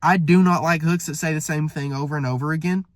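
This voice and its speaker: A music reviewer with a stuffy, nasal voice from an oncoming cold talks through an album casually, rambling and correcting himself mid-sentence. His pitch sits on the high side, his tone stays steady, and he speaks quickly. The recording is dry and studio quality.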